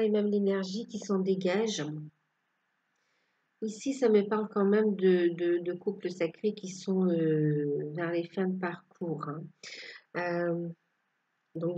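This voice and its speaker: A woman's voice: on the low side, dark tone, slightly rough, highs cut off. A woman giving a casual tarot reading to her viewers, hesitant and full of fillers. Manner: hesitant, many fillers and restarts. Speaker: tarot card reader.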